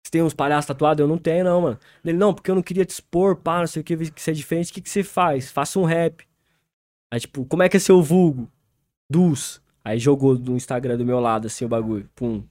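A man's voice: a little high, steady tone, fast talker, darkish tone, no echo, studio quality. Laid-back young slang-heavy paulista man. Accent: São Paulo Brazilian Portuguese. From interior of São Paulo state, Brazil. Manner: laid-back, laughs through the story, acts out other people's lines. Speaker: rapper guest. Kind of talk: casual storytelling, heavy street slang.

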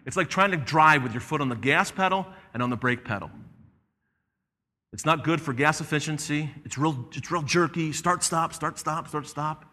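A man preaching a sermon as pastor, animated and conversational, acting out the voices in the story he tells. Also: on the high side, moderate pace, big-room sound.

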